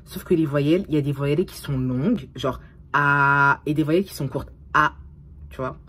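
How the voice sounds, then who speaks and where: Low-voiced tired young woman vlogging. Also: quick pace, mellow, husky. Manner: chatty, swears often, mixes English phrases into her French. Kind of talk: casual vlog chat.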